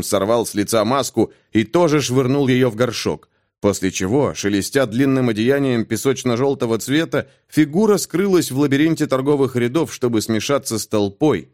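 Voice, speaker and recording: A man reading a thriller novel aloud as an audiobook narrator, with expressive, dramatic delivery. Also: mid-range voice. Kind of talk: scripted narration.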